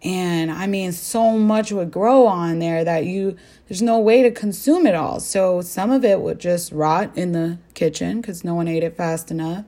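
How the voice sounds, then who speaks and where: Young woman, earnest faith podcast host, soft and warm, slightly low voice. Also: a little slow. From American Southwest. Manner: earnest storytelling with direct questions to listeners. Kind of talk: faith-based reflective talk.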